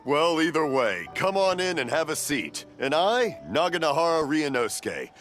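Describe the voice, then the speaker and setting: An actor playing a cheerful, hard-of-hearing old fireworks maker who rambles and mishears. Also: male voice, fairly high pitch, very animated, moderate pace, a bit bright. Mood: cheerful, rambling. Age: older. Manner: rambling, mishears and repeats himself, chuckles. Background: game music.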